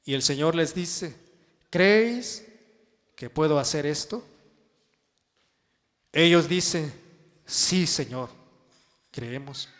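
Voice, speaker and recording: A man preaching a sermon and reading scripture, drawing his phrases out with emphasis and sudden soft drops. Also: fairly high pitch, slow pace, pauses often. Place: church hall. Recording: long church-hall reverb.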